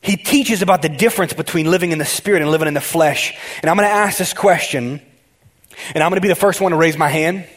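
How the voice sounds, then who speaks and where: A male pastor delivers a casual, conversational sermon in a notably high voice. He is excitable and speaks directly to his listeners, often stumbling and restarting his sentences as he gets carried along. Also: quick pace. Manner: excitable, talks straight to the congregation with frequent restarts.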